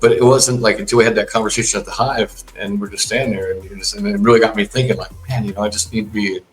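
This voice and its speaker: A man's voice: on the low side, steady tone, fast, low-quality recording. A man in his sixties, a guest in a casual conversation, who talks agreeably and often chimes in. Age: 60s.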